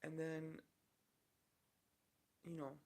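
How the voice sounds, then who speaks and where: A man's voice: a little high, flat delivery, drawn-out words, dark tone. A man in his thirties hosting a solo podcast, rambling candidly through the news and swearing casually. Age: 30s. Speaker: podcast host.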